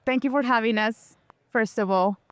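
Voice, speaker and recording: A woman's voice: fairly high pitch, normal speed, dry recording. A woman in her thirties from Colombia, an artist guest talking enthusiastically in a casual interview.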